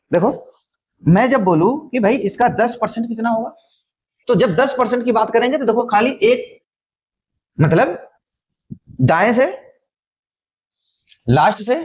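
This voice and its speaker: Guy with a pretty high voice doing a maths class, keeps asking stuff and answering it himself. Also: slight background noise. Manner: repetitive, asks and answers own questions. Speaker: maths teacher. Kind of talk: exam-prep maths lesson.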